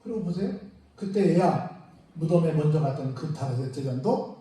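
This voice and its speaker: A man's voice: fairly high pitch, lively intonation, moderate pace, mellow. A man preaching a sermon as pastor, retelling the story with acted-out quotes and questions to the congregation. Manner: storytelling, acting out the disciples and Mary in quoted speech; asks the congregation frequent rhetorical questions. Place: church sanctuary. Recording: very echoey church room, mic at a distance.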